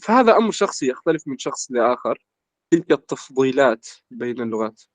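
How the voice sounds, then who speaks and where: A young man from Egypt, a language student in an interview, explaining at a measured pace with lots of filler words. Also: mid-range voice, sing-song, no room sound. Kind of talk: casual conversation in formal Arabic.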